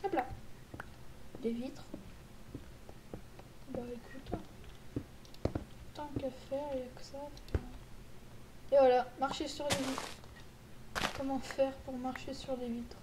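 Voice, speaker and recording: A woman giving playful, joking commentary while playing a video game, with excitable outbursts. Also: high voice, slow, long pauses. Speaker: gaming YouTuber. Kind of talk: casual gameplay commentary. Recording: loud background noise.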